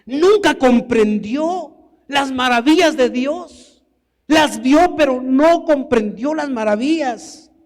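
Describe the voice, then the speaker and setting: A man's voice: very high voice, lively intonation, slow pace, long reverb tail. A man preaching a sermon in a church, emphatic and building to exclamations. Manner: emphatic, rises to exclamations and acted quotes.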